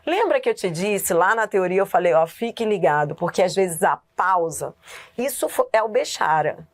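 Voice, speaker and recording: A woman teaching grammar in a lively exam-prep lesson, with a Brazilian Portuguese accent, asking herself rhetorical questions and laughing often. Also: medium pitch, moderate pace.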